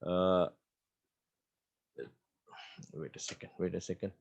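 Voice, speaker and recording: A man teaching an Arabic grammar lesson, explaining step by step with frequent pauses and fillers and reciting Arabic phrases. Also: sits low, flat delivery, vocal fry, lo-fi sound.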